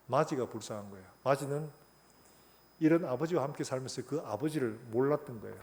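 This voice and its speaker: A man's voice: mid-range voice, a little mellow. A middle-aged man preaching a sermon as pastor, telling a story animatedly and acting out its voices.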